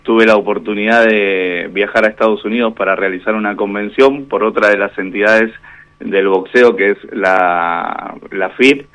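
A boxing referee with an Argentine Spanish accent calls into a radio show as a guest over a phone line. He speaks in a measured, hesitant way with many fillers, in a lowish voice with a fairly bright tone.

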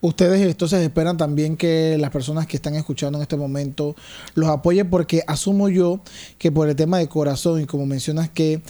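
A man interviewing a family, asking brisk, leading questions. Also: a little high, fairly even intonation, mellow.

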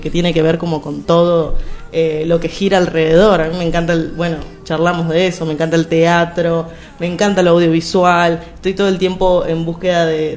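With a lowish, darkish voice, a young Argentine singer talks on a casual radio interview in an Argentine Spanish accent. She rambles, restarting often and filling gaps with fillers.

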